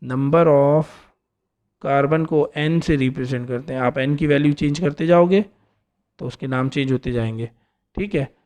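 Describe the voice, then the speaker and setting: A man's voice: medium pitch, unhurried, darkish tone. A man teaching an organic chemistry lesson, explaining step by step and often checking in with his students. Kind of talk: classroom lecture.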